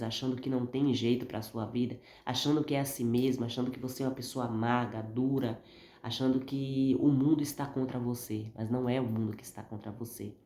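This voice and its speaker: A Brazilian woman speaks in a dark, mellow voice, thick with a swollen, inflamed throat from flu. She gives informal spiritual encouragement, earnest and fond of emphatic repetition. The sound is strongly echoey and roomy. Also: a bass voice. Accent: Brazilian Portuguese. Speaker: vlogger giving spiritual encouragement.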